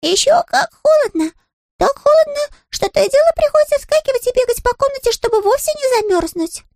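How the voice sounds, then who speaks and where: A woman voicing a tiny, eager male brownie who is cold and hungry, with squeaky, excited exclamations, as a storybook character. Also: fairly quick, no echo, clean studio sound. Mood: pleading.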